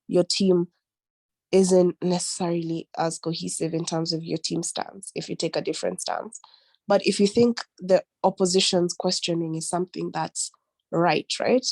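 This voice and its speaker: A woman's voice: on the low side, a little mellow. A woman answering questions in an online debate judging workshop, explaining step by step and often checking in with "right?". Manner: explanatory, frequent tag "right?".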